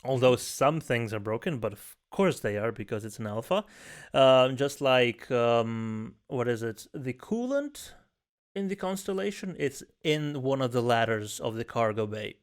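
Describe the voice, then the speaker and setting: A man co-hosting a casual gaming podcast, talking in a hesitant way with many pauses and restarts. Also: medium pitch, expressive. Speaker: podcast co-host.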